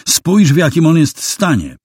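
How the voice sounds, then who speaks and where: Man doing a hoarse, gruff older man. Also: on the low side, expressive, normal speed, dry recording, studio quality.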